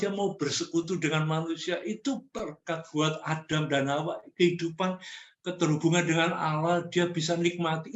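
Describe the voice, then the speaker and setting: A man's voice: high-pitched, reverberant, highs cut off. A man preaching a sermon in a conversational teaching style, challenging the congregation directly.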